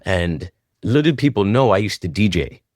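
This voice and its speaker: A man's voice: deep voice, moderate pace, no echo, clean studio sound. A man, a guest choreographer telling stories casually and acting out what people said. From Toronto, Canada. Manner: animated, acts out quoted dialogue in different voices. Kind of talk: casual storytelling interview.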